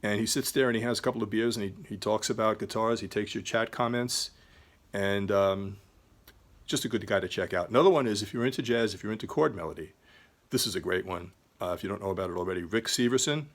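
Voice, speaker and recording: Rambling older man, low voice. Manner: relaxed, meandering, many ums and restarts. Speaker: guitar channel host. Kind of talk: casual rambling talk to camera.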